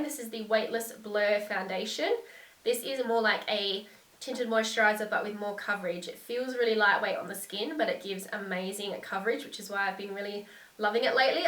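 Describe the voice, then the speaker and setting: Talking to camera, a young woman enthusiastically runs through the beauty products she loves, her bright voice nasal and congested from a cold that hasn't quite cleared. She's a beauty vlogger with a mid-range voice, recorded from some distance in a room that echoes.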